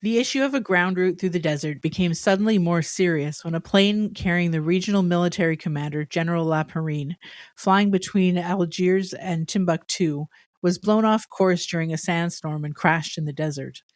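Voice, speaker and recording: A woman co-hosting a podcast, reading prepared notes in a steady, matter-of-fact way with dry asides. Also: on the low side, normal speed, no echo. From Canada. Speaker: podcast co-host presenting the topic.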